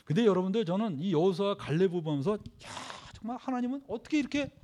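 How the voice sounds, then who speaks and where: A man preaching a sermon, quizzing his congregation with rhetorical questions and leading them through scripture readings, swinging between loud emphasis and quiet asides. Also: high-pitched, lively intonation, quick pace. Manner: leads group scripture reading. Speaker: pastor.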